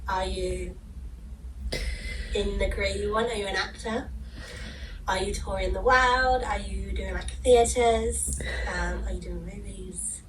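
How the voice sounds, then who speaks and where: A woman in her late twenties with a sick, husky voice, rambling hopefully in a casual vlog. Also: mid-range voice, a little slow. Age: 20s. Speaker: vlogger. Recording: echoey, distant, noisy old vlog clip.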